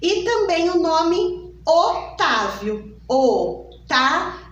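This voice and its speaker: A woman teaches a phonics lesson for young children, stretching every word out slowly. Her voice sits high and swoops up and down in a sing-song way. It is recorded from a distance in an echoey room. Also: big pitch swings, dull audio.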